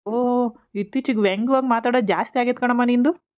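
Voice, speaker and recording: A brusque young husband and son, played by a woman in a mid-range voice, firing off quick, dismissive retorts. The recording sounds slightly dull and lo-fi. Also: fairly high pitch, steady tone, slight background noise, natural voice. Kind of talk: amateur family skit.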